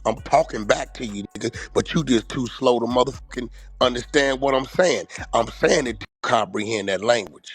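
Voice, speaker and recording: A man's voice: mid-range voice, normal speed, hardly any pauses, slightly rough, faint music behind. A man ranting profanely and boastfully, mocking others by acting out their voices.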